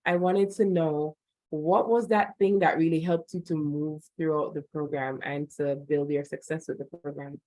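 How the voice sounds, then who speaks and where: An encouraging woman hosts a video call interview, her voice sitting fairly low. The sound is dry and close, with no room around it, and she asks long, winding questions. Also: steady tone, normal speed, dark tone, no room sound, poor audio.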